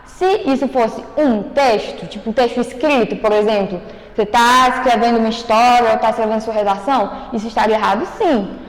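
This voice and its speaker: A woman's voice: fairly high pitch, brisk. A woman teacher giving a recorded remote class, explaining step by step and checking in often with short tags. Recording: echoey, reverberant room.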